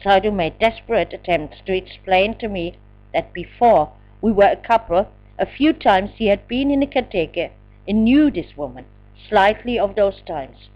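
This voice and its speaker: A woman narrates her memoir in the first person with strong emotion. Her pitch moves a lot, and the recording sounds dull and lo-fi. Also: animated, moderate pace, a little mellow. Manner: emotional, dramatic reading.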